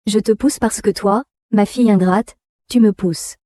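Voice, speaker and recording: Mère âgée qui se lamente et gronde sans cesse, doublée par une femme, voix sombre. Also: female voice, mid-range voice, a little slow, dark tone, no echo, clean studio sound, natural voice. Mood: scolding. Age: older. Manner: wailing and scolding. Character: shrill older mother, greedy, melodramatic. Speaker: mother. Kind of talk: dubbed drama.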